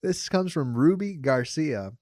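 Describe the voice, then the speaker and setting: A man's voice: a little high, animated, a little slow, a little mellow, dry recording, studio quality. A young man co-hosting a podcast in casual chat, joking, laughing often and swearing freely. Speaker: podcast co-host. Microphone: podcast studio mic.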